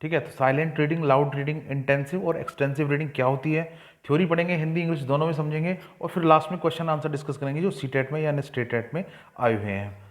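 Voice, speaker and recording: A young man teaching an exam-prep lesson. He reads English points slowly and explains them in Hindi with frequent fillers. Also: fairly high pitch.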